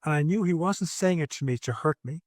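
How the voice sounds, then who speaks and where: A man's voice: on the high side, a little fast, a little mellow, no echo, studio quality. A man in his sixties, a podcast guest at home, telling his personal story in an earnest, reflective way with frequent restarts. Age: 60s.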